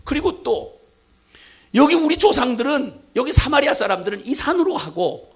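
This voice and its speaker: A man preaching a sermon as pastor, impassioned, at times shouting. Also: very high voice, very animated, moderate pace.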